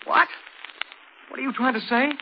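A man's voice: very high-pitched, normal speed. An actor playing a frantic accused man in his thirties, agitated and pleading, in 1940s radio drama style. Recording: tinny old radio, faint noise.

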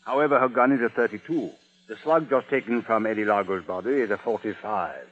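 An actor plays a stern middle-aged police chief in an old radio drama, measured and formal. The voice comes through thin and tinny. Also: male voice, fairly low pitch, lightly acted.

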